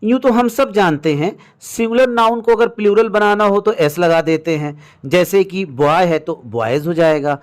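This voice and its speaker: A man teaching English pronunciation in a patient, explanatory way, slowly drilling word lists and correcting common mistakes. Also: sits high. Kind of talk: explanatory lesson.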